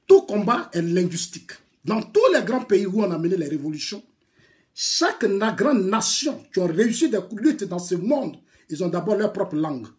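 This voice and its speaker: Un homme originaire de Côte d'Ivoire, de langue maternelle bété, avec un accent ivoirien, qui sermonne longuement un rival dans une vidéo et répète ses phrases. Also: male voice, high-pitched, darkish tone. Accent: Ivorian French. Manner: lecturing, repetitive, scolding, bursts of laughter. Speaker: political activist replying to a critic. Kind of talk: heated video rant addressed to a rival.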